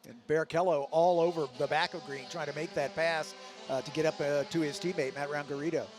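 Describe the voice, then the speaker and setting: A man's voice: fairly high pitch, fairly even intonation, fairly quick, over music. A man co-commentating live motorsport, adding analysis of the cars and their moves.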